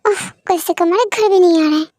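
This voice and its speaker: A woman's voice: very high voice, fast talker, background noise. A woman voicing an anxious, tearful pregnant young wife who pleads with her husband. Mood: worried. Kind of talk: fan story voice acting.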